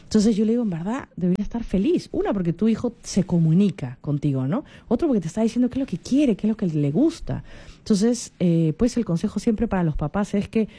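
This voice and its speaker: A Peruvian woman in her forties chats on a radio program with a Peruvian Spanish accent, her mid-range voice mellow, soft and a little husky. She talks fairly quickly with lively intonation, tacking on small tag questions and restarting phrases as she goes, in a casual on-air way.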